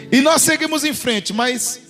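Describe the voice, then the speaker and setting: High-voiced preacher. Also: male voice. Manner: dramatic storytelling, acting out quotes, shouting. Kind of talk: sermon.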